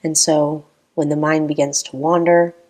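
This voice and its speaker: A woman with a low voice guides a meditation, speaking calmly, gently and without hurry, leaving long pauses between phrases.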